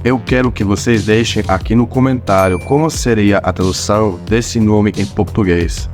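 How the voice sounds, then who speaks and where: A man's voice: on the low side, normal speed, a little mellow. A man from Croatia speaking with a Croatian accent, hosting his own scripted explainer vlog and pronouncing names carefully. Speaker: channel host. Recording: faint music underneath.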